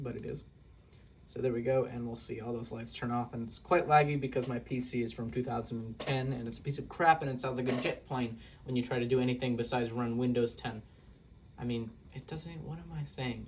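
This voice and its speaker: In a casual gameplay walkthrough of a build, a young man who makes Minecraft videos rambles along, fixing his own mistakes with self-deprecating remarks. He has a mid-range voice, and there's a little hiss or hum.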